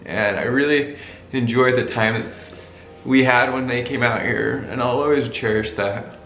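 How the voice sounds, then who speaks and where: A man with a gravelly fry in his voice talks earnestly and emotionally to his viewers. The room sounds echoey, with faint music underneath. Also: mid-range voice, measured pace, a bit bright. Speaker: family vlog host. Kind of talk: heartfelt personal talk to viewers. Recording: roomy echo, music behind.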